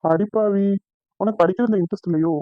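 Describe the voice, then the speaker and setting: Woman voicing a cheeky, fast-talking young man. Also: mid-range voice, steady tone, dry recording, natural voice. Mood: coaxing. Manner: playful, teasing. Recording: tinny phone-like dry sound.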